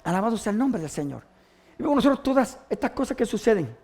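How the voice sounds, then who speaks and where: A man's voice: sits high, sing-song, quick pace, a little mellow. A man preaching a sermon as pastor, fervent and stopping often to give praise.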